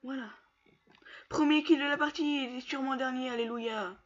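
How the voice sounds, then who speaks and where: A man commenting casually on his own online matches, taunting opponents and breaking into excited yells. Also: extremely high pitch, moderate pace, lo-fi sound. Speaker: gamer streaming gameplay.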